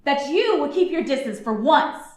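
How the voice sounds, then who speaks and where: A woman's voice: sits high, big pitch swings, moderate pace. An actress playing a resentful young married daughter who talks back to her mother in a cutting, defiant way. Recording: echoey room.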